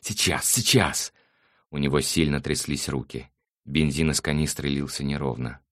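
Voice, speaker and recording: A man narrating an audiobook in a steady, even reading voice. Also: extremely low pitch, normal speed, no room sound, clean studio sound.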